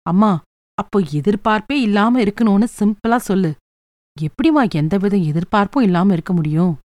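A woman's voice: medium pitch, lively intonation, normal speed, darkish tone, dry recording, studio quality, natural voice. A woman voicing a frustrated young married woman who complains in a sulky, exasperated way in a storybook reading.

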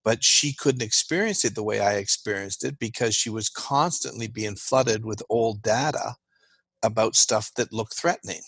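A man with a slightly husky voice explains things earnestly in an interview, often pausing to ask "right?" to check that the listener is following. The sound is dry and close. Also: fairly low pitch, fairly bright tone, dry recording. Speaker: guest expert.

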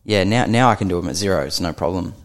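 A man's voice: deep voice, fast. An Australian man, a gym co-founder and podcast guest, chatting in a laid-back way and swearing freely. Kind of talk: casual podcast chat.

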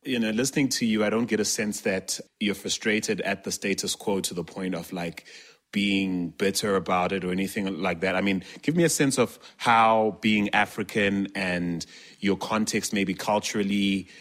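A man with a very deep voice conducts an interview. He asks long, probing questions that wind through several clauses before landing. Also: steady tone, normal speed, fairly bright tone.

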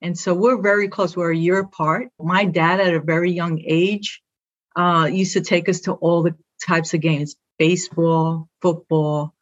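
A woman's voice: lowish voice, fairly even intonation, a little slow. Woman, Brooklyn accent, middle-aged, proud and upbeat, slightly muffled recording. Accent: Brooklyn New York. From Brooklyn, New York. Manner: proud, upbeat, talks in short phrases. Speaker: guest, college athletic director. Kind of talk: conversational interview.

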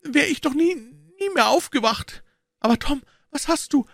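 A man's voice: very high voice, lively intonation, a little slow, vocal fry, no echo, voice pushed up, exaggerated voice. A man voicing a frightened little girl. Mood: despairing. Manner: pleading, tearful. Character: frightened young girl lost in a cave.

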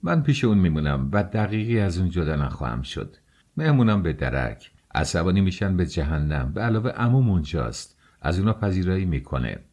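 A man voicing an excitable, loyal young student in an audiobook, loud and eager. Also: sits low, slightly rough, exaggerated voice. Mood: excited. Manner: excited, shouting. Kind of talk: audiobook character voice.

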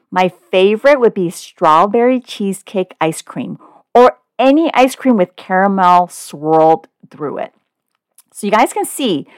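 Recorded at studio quality with no room sound, this mid-range female voice belongs to a podcast host in her forties from Oakland, California. She reads a scripted monologue, keeping it upbeat, personal and chatty.

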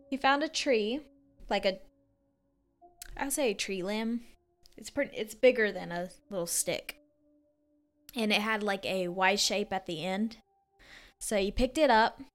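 A woman co-hosting a podcast, casually retelling a true story with fillers and acted-out quotes. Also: mid-range voice. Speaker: podcast co-host.

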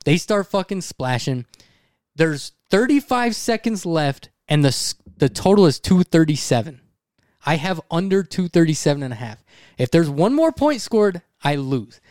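Animated swearing man telling a story. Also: on the high side, normal speed, no echo, studio quality. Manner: animated, swears freely, acts out voices in his story. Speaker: podcast co-host. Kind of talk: casual podcast storytelling.

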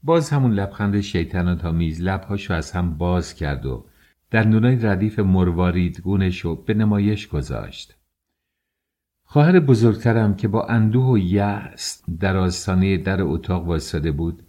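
A man reads a novel aloud in a calm, measured way. His voice sits very low, with a dark, mellow tone. The reading stays steady and unhurried. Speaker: audiobook narrator. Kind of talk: scripted audiobook narration.

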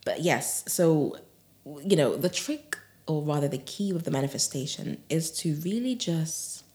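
A woman guest on a podcast, a yoga teacher and author, talking in a gentle, soothing way with frequent laughs and soft breathy asides. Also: deep voice, lively intonation, measured pace. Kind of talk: relaxed podcast conversation.

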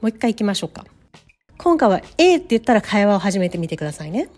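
A woman teaching a bilingual English lesson, upbeat and encouraging, modeling English phrases slowly for learners. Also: mid-range voice, sing-song, darkish tone, faint music behind.

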